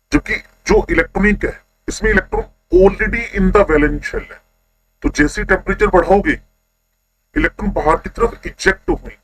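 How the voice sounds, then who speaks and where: High-voiced man teaching, quizzing. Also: poor audio. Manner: quizzing students with quick questions. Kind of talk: online chemistry lesson.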